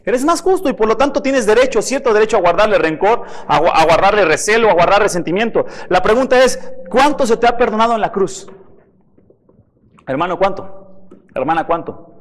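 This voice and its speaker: A man's voice: high-pitched, expressive, brisk, big-room sound. A man preaching a sermon as pastor, emphatic, asking the listeners rhetorical questions. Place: church.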